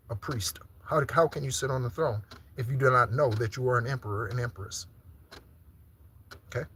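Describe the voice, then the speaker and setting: A preacher leads an online Sunday service, giving an informal live-streamed sermon in a mid-range, fairly bright voice. He teaches through repeated rhetorical questions and frequent check-ins, and there's a little hiss or hum in the audio.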